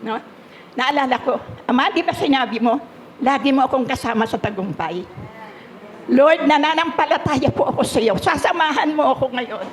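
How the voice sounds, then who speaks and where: A woman's voice: high-pitched, moderate pace, slight background noise. An older woman giving an earnest, prayerful church testimony. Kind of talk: spoken testimony.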